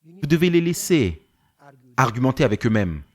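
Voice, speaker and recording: A man's voice: medium pitch, moderate pace. Man telling a sermon story. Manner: animated, acts out dialogue. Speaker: preacher.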